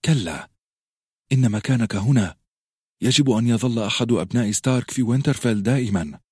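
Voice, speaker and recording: Brief: male reader as a decisive noble mother, lower voice, dry read. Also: steady tone, fast talker, a little mellow, no echo, natural voice. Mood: firm. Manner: firm, decisive. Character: resolute noblewoman mother, firm.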